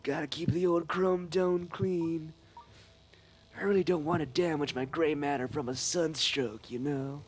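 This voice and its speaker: A man's voice: fairly high pitch, fairly even intonation, measured pace, pitched above the performer's own voice, natural voice. A man voicing an old, bald, laid-back surfer dude who drawls in surfer slang. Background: background music.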